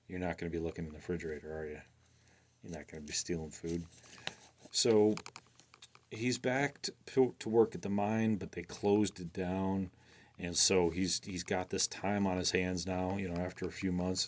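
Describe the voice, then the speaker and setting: Deep-voiced man telling a story casually. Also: a little hiss or hum. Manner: animated retelling with restarts and acted-out quotes. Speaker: podcast host.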